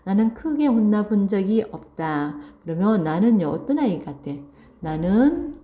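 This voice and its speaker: A warm, mid-range female voice with big pitch swings leads an online literature lesson. The Korean language teacher reads the story aloud, explains each line, repeats key words slowly, and checks in with students by asking "그치?".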